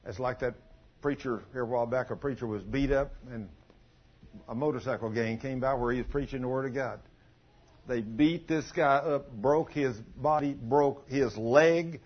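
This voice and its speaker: Husky older preacher. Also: male voice, mid-range voice, normal speed. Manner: folksy storytelling, surges loud for emphasis. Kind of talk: sermon. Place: church. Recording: dull lo-fi recording.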